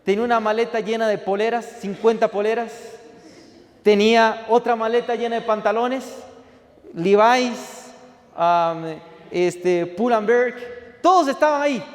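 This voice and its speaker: High-voiced man preaching in a hall. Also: measured pace. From Costa Rica. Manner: animated storytelling, acts out voices, rising to shouts. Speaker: guest preacher. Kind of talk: sermon testimony.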